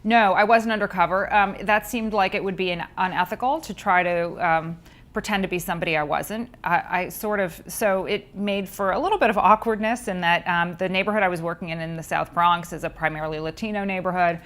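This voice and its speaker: Fielding interview questions, this researcher and author, a middle-aged woman, sounds considered and measured, with plenty of ums. She has a somewhat low, slightly bright voice.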